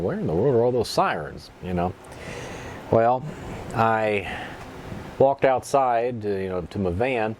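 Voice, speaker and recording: Low-voiced man chatting around a pipe. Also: a little mellow, slight background noise. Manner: unhurried, rambling, folksy. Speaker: pipe-smoking vlogger. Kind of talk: casual storytelling chat.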